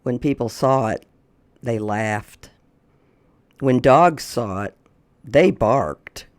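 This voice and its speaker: Speaking extremely slowly with a medium pitch and no echo, a man leads storytime for young children. He reads a picture book aloud and chats casually in a folksy style, repeats his questions, and talks aloud to a companion.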